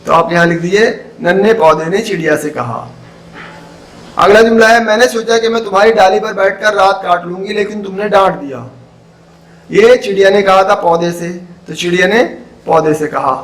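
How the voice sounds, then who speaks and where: A man's voice: high-pitched, normal speed, low-quality recording. A man teaching a school lesson, patiently explaining, reading out sentences and praising the pupils as he quizzes them. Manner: reads out sentences and quizzes the class.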